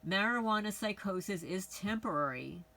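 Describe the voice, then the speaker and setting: A woman's voice: mid-range voice, expressive, moderate pace, a bit bright, rough recording. A middle-aged woman from the Bronx, talking to her channel's viewers in a rambling, frank, conversational monologue. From the Bronx, New York. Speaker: channel host. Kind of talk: casual personal monologue.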